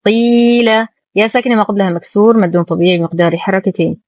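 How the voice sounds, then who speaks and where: A woman teaching Quran recitation rules, explaining each rule briskly between slow recited verses. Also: on the low side, darkish tone, no echo. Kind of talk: tajweed lesson with slow recitation.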